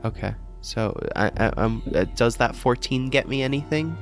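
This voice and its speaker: A man playing a tabletop game, questioning in character with a halting, stammering delivery that repeats words. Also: medium pitch, faint music behind. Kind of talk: improvised role-play, questioning in character.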